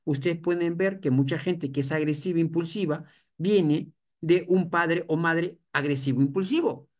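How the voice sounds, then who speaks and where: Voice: mid-range voice, moderate pace. Counselor explaining parenting. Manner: explanatory, repeats points, often adds "for example"; frequent restarts and rhetorical questions. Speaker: family counselor addressed as doctor. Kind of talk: educational talk on parenting.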